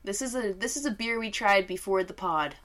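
A woman's voice: mid-range voice, fairly quick, a bit bright. Nasal, congested woman podcaster. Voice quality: nasal, stuffed up. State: sick with a cold. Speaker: podcast co-host. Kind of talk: casual banter, sweary.

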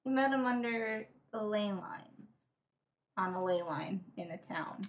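A woman's voice: mid-range voice, lively intonation, measured pace. A woman playing a tabletop game in character, pressing with probing questions. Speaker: player.

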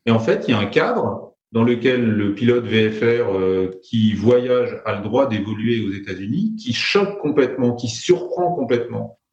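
A man's voice: mid-range voice, lively intonation, moderate pace, few pauses, darkish tone. A man who is a pilot telling a flying story casually, acting out the dialogue as he goes. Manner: chatty, recounts anecdotes with quoted dialogue. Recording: roomy, slightly dull recording.

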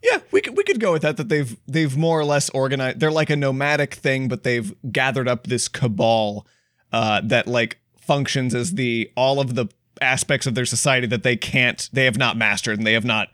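A man's voice: mid-range voice, normal speed, no room sound. Laughing young man, dry close voice. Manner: animated, laughs often, builds on ideas. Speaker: podcast co-host. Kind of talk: casual brainstorming chat.

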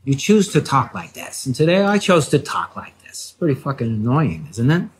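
An actress playing a blunt, irritated coffee shop customer in a comedy sketch. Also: female voice, a bass voice, big pitch swings, unhurried, slight background noise, full character voice. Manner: blunt and mocking.

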